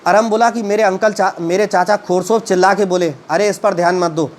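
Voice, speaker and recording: A man teaching a story: he reads English lines slowly, then retells and explains them at a halting pace with many fillers. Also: high-pitched, steady tone.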